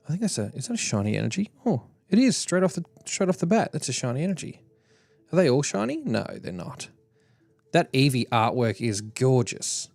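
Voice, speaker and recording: A man's voice: mid-range voice, sing-song, a little fast, gravelly, a little mellow, no echo, faint music behind. A man streaming, chatting casually and laughing often as he opens card packs and reads chat aloud.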